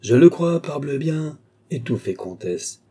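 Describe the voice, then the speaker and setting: Sly, flattering old duke read by a man, husky and mellow, audiobook. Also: fairly high pitch, a little slow, pitched above the performer's own voice, exaggerated voice. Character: wily old courtier duke, smooth and flattering. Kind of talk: audiobook character voice.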